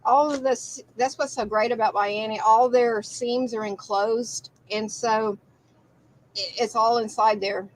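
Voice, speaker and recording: A woman's voice: on the high side, steady tone, a little slow, slight background noise, low-quality recording. A woman hosting a live quilt shop broadcast, chatting casually and rambling with restarts. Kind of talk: casual live-stream chat.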